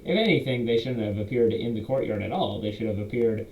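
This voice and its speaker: A man's voice: medium pitch, lively intonation, a little mellow. A young man in a casual, rambling monologue, recapping a tabletop campaign as its game master and correcting himself as he goes. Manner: rambling, self-correcting, quotes players in quick asides. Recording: roomy echo, faint background hiss.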